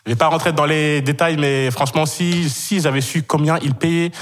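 A podcast guest in his twenties, a Senegal-born man raised in Kenya, relates a personal story in a voice on the high side, with fairly even intonation and a moderate pace. He often laughs and speaks haltingly, with many fillers and repeated words.

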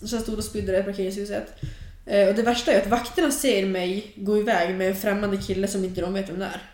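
A young adult woman telling a personal story in casual chat, animated and full of fillers. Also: medium pitch, a little hiss or hum. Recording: roomy echo.

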